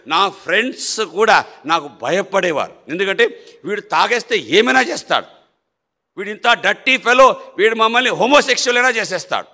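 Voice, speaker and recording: A man in his fifties giving a personal conversion testimony in a prayer hall, emphatic, his voice swinging between loud outbursts and low asides. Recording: echoey hall.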